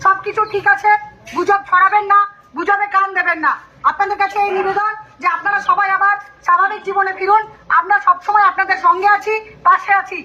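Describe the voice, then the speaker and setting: A woman's voice: very high-pitched, little pitch movement, a little fast, pushed and bright. Woman pleading through a dull megaphone. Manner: pleading, reassuring announcing. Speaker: police announcer. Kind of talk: public announcement.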